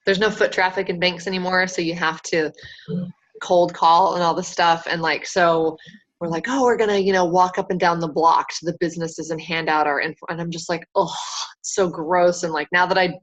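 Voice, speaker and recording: A woman hosting a casual team call, chatty and laughing often, acting out quotes in a higher voice. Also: little pitch movement, a little fast, fairly bright tone. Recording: dull lo-fi call audio.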